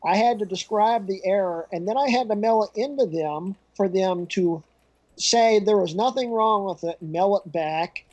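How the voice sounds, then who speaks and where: A high-pitched man chats casually, wandering through stories with lots of ums and uhs. His voice comes over a laptop call that glitches and freezes. The sound is dull and dry, with no room around it. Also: moderate pace, darkish tone, no room sound. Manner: rambling, with many fillers. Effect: glitching, freezing call audio. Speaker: podcast co-host. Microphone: laptop on a video call.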